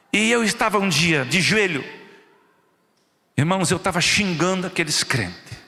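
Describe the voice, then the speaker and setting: A man's voice: high voice, big-room sound. A man with a Brazilian Portuguese accent preaching a sermon as pastor, telling stories and acting out the voices of the people in them. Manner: animated storytelling, acts out quoted voices. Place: church.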